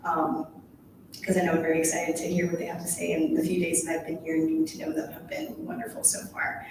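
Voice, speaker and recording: A woman's voice: lowish voice, very animated, fast. Young woman moderating in an echoey room. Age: around 20. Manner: friendly, many ums, restarts. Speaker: conference coordinator and moderator. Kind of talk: panel moderation. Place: small conference room. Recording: echoey room from far off with noise.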